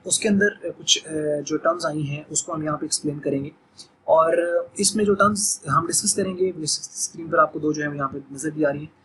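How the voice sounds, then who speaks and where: High, bright-voiced man explaining a lesson. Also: brisk, slight background noise, low-quality recording. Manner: explanatory, repeats definitions, fillers. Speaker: teacher. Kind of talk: recorded lecture.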